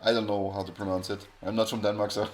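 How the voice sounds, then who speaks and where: Rambling low-voiced podcast host, man. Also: little pitch movement, fast, slight background noise. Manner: rambling, frequent restarts and self-corrections. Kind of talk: casual podcast chat.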